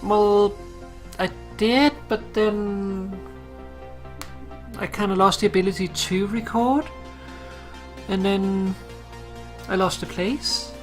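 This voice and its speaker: A woman streamer chatting with a friend while playing, talking at an unhurried, drawn-out pace. She sounds sleepy and relaxed, with soft little laughs. Faint music plays behind her. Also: mid-range voice. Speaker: streamer host. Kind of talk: casual chat while gaming.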